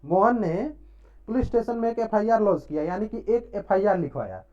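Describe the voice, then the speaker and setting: A man's voice: sits high, animated, normal speed, a little mellow. A man teaching an English grammar lesson, asking questions and answering them himself with frequent short check-ins. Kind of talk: classroom-style grammar lesson. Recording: dull lo-fi recording.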